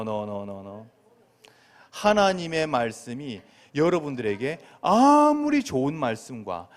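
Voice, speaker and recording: A middle-aged man, a pastor, preaching a playful sermon to a children's group and asking the listeners questions. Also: high-pitched.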